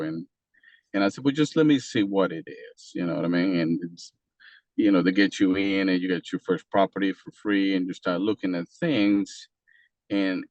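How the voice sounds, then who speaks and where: A man from Costa Rica, a native Spanish speaker with a Costa Rican Spanish accent, talking as an interview guest in a halting way with many fillers and restarts. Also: deep voice, dry recording, lo-fi sound. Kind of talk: casual interview talk.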